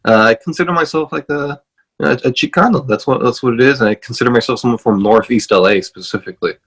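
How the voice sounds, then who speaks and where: A man's voice: mid-range voice, fast talker, fairly bright tone, slightly rough, low-quality recording. A man from Los Angeles, a guest on a podcast, talking casually over a video call and rambling with many fillers and restarts. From Los Angeles, USA.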